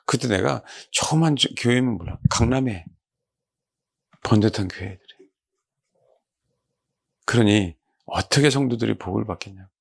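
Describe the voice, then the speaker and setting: A man preaching a sermon as a pastor. He asks his congregation rhetorical questions and softly repeats key words. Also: fairly low pitch, moderate pace, vocal fry, pauses often, breathy edge. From South Korea. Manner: lively, exclaiming.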